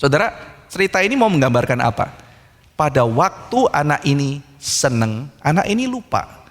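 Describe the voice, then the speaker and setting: A man's voice: fairly high pitch, very animated, moderate pace. A man preaching a sermon, telling a story with sound effects and acting out characters' voices. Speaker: pastor. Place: large church hall. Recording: reverberant church hall.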